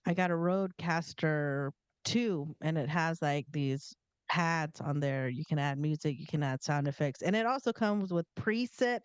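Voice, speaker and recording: A woman hosting a casual live interview, relaxed and giggly, filling pauses with ums. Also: sits low, clean tone, no room sound. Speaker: host.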